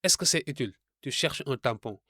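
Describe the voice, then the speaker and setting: A man's voice: medium pitch, lively intonation, brisk, sharp tone, no echo. Earnest man delivering a dry, scripted lesson. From francophone Africa. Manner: didactic, rhetorical, addresses the listener directly. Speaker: video essayist. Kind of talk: scripted commentary to camera.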